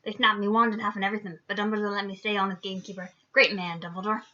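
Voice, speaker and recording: Woman reader doing a loud, rustic, kindly giant gamekeeper; bright, forceful tone, lo-fi audio. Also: medium pitch, level tone, very fast, natural voice. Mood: rueful. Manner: loud rustic dialect speech. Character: big gruff kindly male giant gamekeeper. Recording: dull lo-fi recording.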